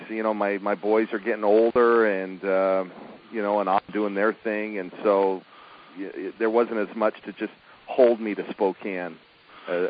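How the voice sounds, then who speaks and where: A middle-aged man, a college basketball coach, chats in an easygoing way with plenty of fillers, restarts and chuckles. His voice sits a little low. It comes through a dull, muffled line with a faint hiss behind it. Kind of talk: phone interview, casual chat.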